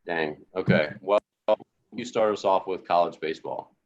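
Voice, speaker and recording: A man's voice: low voice, moderate pace, lo-fi sound. A man co-hosting a casual sports podcast over an internet call whose audio keeps cutting out. He talks loosely and restarts his sentences often. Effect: choppy internet call audio that keeps dropping out. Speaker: podcast co-host. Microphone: remote internet call.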